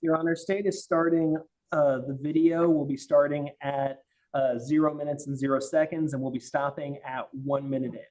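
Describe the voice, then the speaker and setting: A male prosecutor addressing a judge in a formal, deferential and halting manner during a court hearing. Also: fairly high pitch, level tone, darkish tone.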